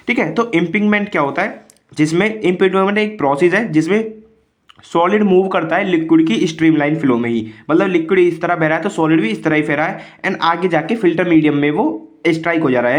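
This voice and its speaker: Male pharmacy tutor, higher voice, self-questioning explainer. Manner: explains step by step, asks and answers his own questions; reads English definitions slowly, then explains quickly. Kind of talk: exam-prep lecture.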